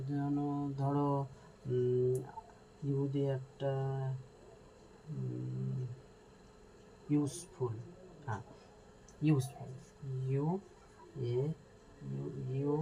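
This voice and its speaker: A teacher giving a step-by-step grammar lesson, spelling words out letter by letter and pausing to ask if the class follows. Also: medium pitch, warm tone, a little hiss or hum, rough recording. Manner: explains step by step, spells words letter by letter, asks checking questions.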